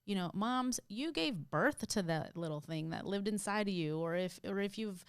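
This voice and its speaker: Smooth-voiced emphatic woman clinician. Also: mid-range voice, normal speed, dry recording, studio quality. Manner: emphatic, lively, advice-giving. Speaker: clinician and podcast co-host. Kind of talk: casual conversational podcast chat.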